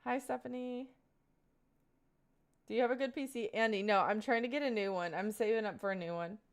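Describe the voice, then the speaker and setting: A woman in her twenties, with a fairly high pitch and a brisk, clean tone, answers viewer questions casually on a live stream. She rambles earnestly, filling her speech with fillers.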